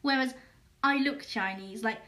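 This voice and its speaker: A woman's voice: high-pitched, unhurried, bright, forceful tone. A woman, talking candidly in a personal podcast monologue with lots of hesitant fillers and restarts. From England. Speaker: podcast host.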